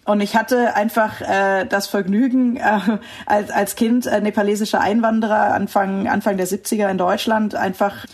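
Speaking at a normal speed with little movement in her medium pitch, this interview guest is a middle-aged woman from Germany's Rhineland. Her answers in the reflective, conversational interview are thoughtful, with frequent searches for words and easy laughter.

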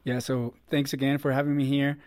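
A man's voice: mid-range voice, flat delivery, a little fast, a little mellow, clear, resonant tone, no room sound. A man, telling his story as an interview guest in an earnest, upbeat way. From Costa Rica. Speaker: guest, ministry producer. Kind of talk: casual interview.

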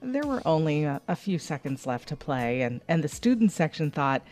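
A woman's voice: low-pitched, very animated, moderate pace, darkish tone. A woman co-hosting a morning radio show, chatting and reading news stories in a conversational way, laughing easily. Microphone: studio microphone.

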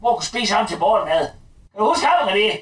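A man's voice: sits high, big pitch swings, a bit bright. A man playing a crude, bossy mother who rambles bluntly and calls herself mum. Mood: rambling. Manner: crude, rambling, talks about herself as "mor". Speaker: sketch actor. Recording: roomy, distant recording.

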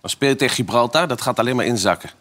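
A man explains football earnestly in a casual podcast chat. He talks quickly and keeps checking that the others follow him. His voice sits at a middle pitch. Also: a bit bright. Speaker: football pundit.

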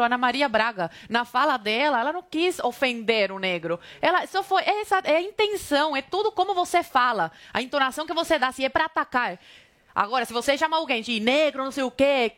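Woman ranting on a panel, high-ish voice, fed up. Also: a bit bright. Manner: exasperated, emphatic. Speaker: debate panelist. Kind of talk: heated panel debate.

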